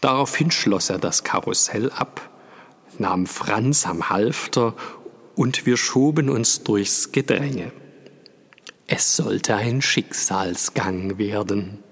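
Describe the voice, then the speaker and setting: A man reading a story aloud as narrator, in a slow, measured way. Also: on the low side, husky. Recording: long hall reverb.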